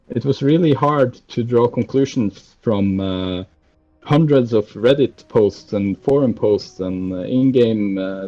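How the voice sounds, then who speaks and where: A man's voice: lowish voice, mellow, lo-fi sound. A man from a game server's staff answering questions in a casual voice chat, hesitant and full of fillers.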